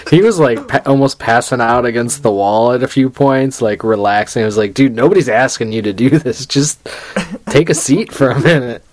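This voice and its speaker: A man's voice: medium pitch, normal speed, no echo. A man co-hosting a podcast remotely, chatting casually in an easygoing, amused way. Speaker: podcast co-host. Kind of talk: casual chat. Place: home, remote podcast recording.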